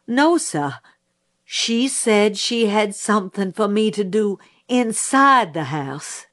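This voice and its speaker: A woman voicing a calm, respectful young man on the witness stand, speaking plainly. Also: medium pitch, slow. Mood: steady. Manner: plain, quiet, polite.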